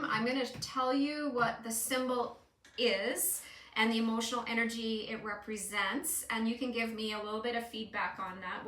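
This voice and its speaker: A woman's voice: fairly high pitch, pushed and bright, a little hiss or hum. A woman hosting a card reading in casual conversation, instructive and often checking that the listener agrees. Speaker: host giving a card reading. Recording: echoey room, distant mic.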